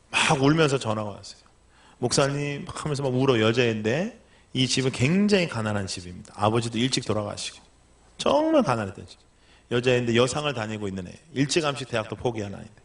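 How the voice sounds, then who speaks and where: A middle-aged male pastor preaching a sermon, telling a story and acting out the lines of the people in it. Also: mid-range voice.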